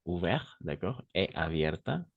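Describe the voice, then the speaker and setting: A man's voice: low voice, very animated, unhurried, creaky, phone-quality sound. A man who speaks Spanish natively teaches French pronunciation to Spanish speakers, patiently repeating words and checking in with his students. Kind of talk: online language lesson.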